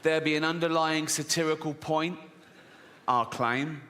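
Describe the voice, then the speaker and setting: A man's voice: fairly high pitch, steady tone, normal speed, background noise. A man performing a stand-up comedy routine, provocative, sardonic and profane.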